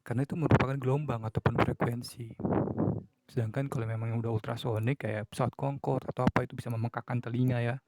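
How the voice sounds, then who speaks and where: A man's voice: medium pitch, steady tone, fast talker, a little mellow, low-quality recording. A man talking casually on his own podcast, musing and acting out examples of moods and a late-night radio host. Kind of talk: casual solo talk.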